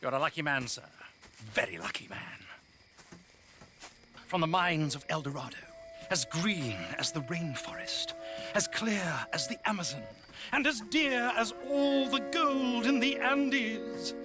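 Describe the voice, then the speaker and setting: High-pitched, pompous British circus showman. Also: lively intonation, a little slow, music in the background. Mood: grandiose, wheedling. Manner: grandiloquent, theatrical, florid. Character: pompous, flamboyant male circus showman, theatrical swindler. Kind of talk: video game character acting.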